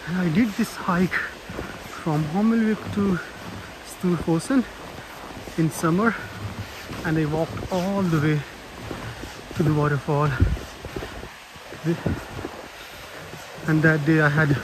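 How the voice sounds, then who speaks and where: Higher-voiced man trudging along an icy trail. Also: steady tone, slow, pauses often. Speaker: hiking vlogger. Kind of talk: casual outdoor vlog narration to camera. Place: outdoors on an icy hiking trail. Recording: clear outdoor background noise.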